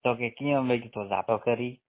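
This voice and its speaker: Over a tinny telephone line, a Marwari-accented man from western Rajasthan chats casually on a private call, speaking mid-range and fairly quickly.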